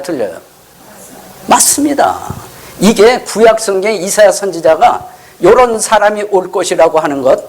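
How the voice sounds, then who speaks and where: A man preaching a sermon in a church as pastor, often putting rhetorical questions to the congregation and acting out the scripture dialogue in changing voices. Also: high-pitched.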